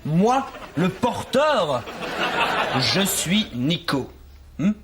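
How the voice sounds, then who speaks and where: An actor playing a young French neighbour in a sitcom, who asks bemused questions. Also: male voice, sits high, sing-song, extremely slow, full character voice. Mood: puzzled. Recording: sitcom clip with background noise.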